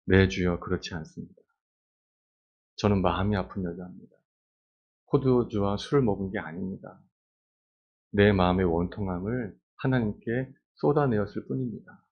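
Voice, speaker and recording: A man's voice: on the low side, normal speed, dull audio. A humble, grieving woman, read by a man. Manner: soft, humble, earnest.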